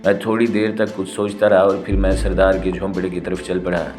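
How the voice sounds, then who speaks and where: A man narrating a spy novel in the first person, in a steady, dramatic storytelling manner. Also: low voice, faint music behind.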